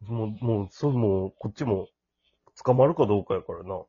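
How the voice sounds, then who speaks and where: A man's voice: lowish voice, brisk, lo-fi sound. Blunt Kansai man in casual comic chat. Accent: Kansai Japanese. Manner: animated storytelling, blunt colloquial speech. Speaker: podcast co-host.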